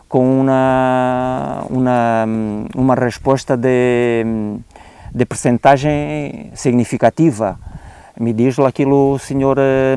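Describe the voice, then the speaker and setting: A man's voice: medium pitch, a little mellow, clear, resonant tone, dry recording. A man from Portugal with a European Portuguese accent, giving an unscripted explanatory talk on a country estate, hesitant, with frequent "eh" fillers and restarts, and slipping Spanish words into his speech. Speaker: guest expert on oak disease.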